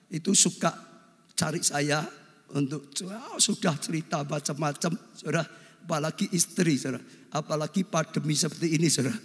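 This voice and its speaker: Older male pastor, high husky voice, lively sermon in a reverberant hall. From Indonesia. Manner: animated, repeatedly addressing the congregation. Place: church.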